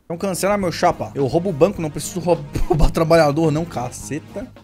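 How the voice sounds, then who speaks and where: A man's voice: fairly high pitch, quick pace, a little mellow, soft background music. A man, a comedy youtuber rambling crudely through a meme reaction with laughing asides.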